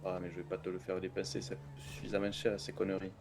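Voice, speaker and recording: A man speaks rapidly in a casual, improvised online role-play. His wording is colloquial, with mild swearing. Faint noise sits behind the voice. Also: deep voice, monotone, vocal fry, a little mellow.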